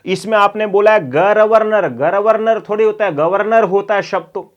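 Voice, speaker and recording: A man with a fairly high voice teaches an online exam-prep class. He drills each word by saying it over and over slowly. He quizzes his students and teases them to answer fast. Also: muffled recording. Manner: playful teasing threats to hurry answers. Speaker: Hindi teacher.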